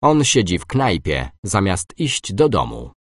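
A man reading short example phrases slowly and clearly for a language course, giving both masculine and feminine forms. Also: sits low, huge pitch swings, dry recording, studio quality.

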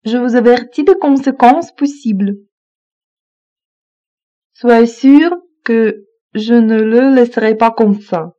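A woman slowly reading French phrasebook lines, saying each one twice in an even manner. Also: on the high side, muffled recording. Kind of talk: slow repeated phrasebook reading.

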